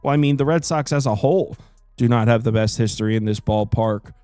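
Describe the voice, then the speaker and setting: A man in his thirties hosting a sports betting show, chatting casually in an animated, jokey, self-deprecating way. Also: medium pitch, a little fast, no room sound. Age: 30s. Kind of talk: casual chat.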